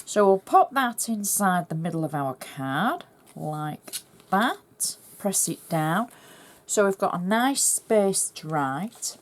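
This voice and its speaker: Slow, chatty Yorkshire woman crafting. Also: mid-range voice, expressive. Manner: chatty, explains each step while working. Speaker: craft tutorial host. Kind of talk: cardmaking tutorial narration.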